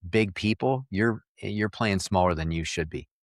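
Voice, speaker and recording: A man's voice: fairly low pitch, normal speed, no room sound, studio quality. A man who is a marketing coach, speaking earnestly and reflectively as a podcast guest. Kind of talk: casual interview chat.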